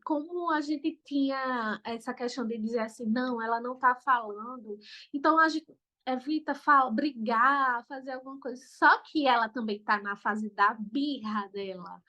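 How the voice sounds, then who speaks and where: A woman's voice: sits high, unhurried. A young woman, a mother, telling stories in a casual interview and acting out little moments as she goes. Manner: lively storytelling, acts out moments.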